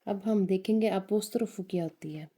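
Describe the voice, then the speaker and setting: A woman's voice: mid-range voice, a little slow, mellow. A woman teaching a beginner Italian lesson, spelling out and repeating words. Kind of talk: slow language lesson.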